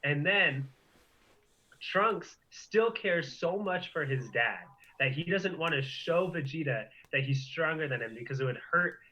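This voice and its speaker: Bright-voiced young man chatting animatedly. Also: on the high side, a little slow, rough recording. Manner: animated, fan-style retelling. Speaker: co-host. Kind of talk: casual chat.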